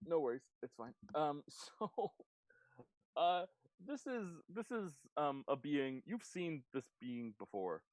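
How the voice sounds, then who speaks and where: A game master narrating a tabletop game in a relaxed, halting way with lots of fillers. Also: medium pitch, dry recording.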